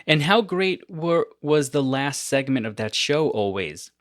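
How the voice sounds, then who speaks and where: A man hosting a podcast who tells stories in an animated, casual way and often laughs between his points. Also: on the high side, a little slow, no echo, clean studio sound. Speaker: podcast host. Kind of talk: casual conversation.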